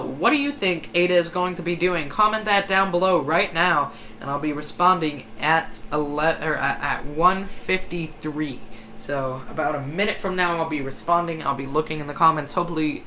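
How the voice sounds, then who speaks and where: A livestream host of unclear sex gives storm commentary in a bright, forward voice. The delivery is hesitant and self-correcting. There is some noise behind the voice. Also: mid-range voice. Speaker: livestream host tracking a hurricane. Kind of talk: live storm coverage commentary. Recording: noticeable background noise.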